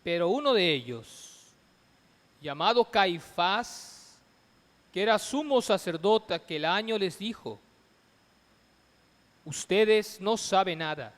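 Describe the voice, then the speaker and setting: A high-voiced man reads the Gospel at Mass in a solemn, measured way. He speaks slowly, declaiming phrase by phrase with pauses. His voice rings through the long echo of a large church, like a cathedral. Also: animated, a bit bright. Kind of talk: solemn liturgical scripture reading.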